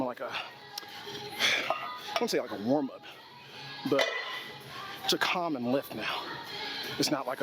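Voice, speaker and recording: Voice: mid-range voice, poor audio. Casual young gym vlogger, music playing behind. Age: 20s. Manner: slangy, swearing. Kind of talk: casual workout vlog chat.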